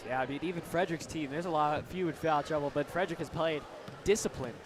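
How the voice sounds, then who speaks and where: A teenage boy doing student play-by-play commentary for a high school basketball game, getting loud at big moments. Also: quick pace. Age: teens. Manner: excited, rises to loud calls at big moments. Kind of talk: sports commentary. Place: school gym. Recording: noisy gym broadcast.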